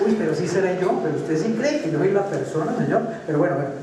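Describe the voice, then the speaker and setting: A man's voice: fairly high pitch, expressive, fast talker, noisy background, natural voice. A man with a Colombian accent voicing a hesitant, doubting biblical man who stalls and pleads for signs. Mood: pleading. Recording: echoey hall, distant mic.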